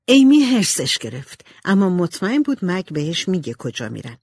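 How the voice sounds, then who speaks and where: A woman narrates a storybook with lively, expressive intonation. Her voice is low-set and husky. The recording is dry and close. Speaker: audiobook narrator. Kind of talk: scripted narration.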